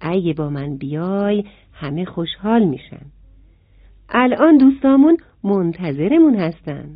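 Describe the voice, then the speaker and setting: A woman's voice: fairly low pitch, expressive, no echo. Storybook cricket, male, kind and eager, voiced by a woman; dry, narrow recording. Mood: pleading. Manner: gentle, coaxing. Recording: dry, phone-like sound.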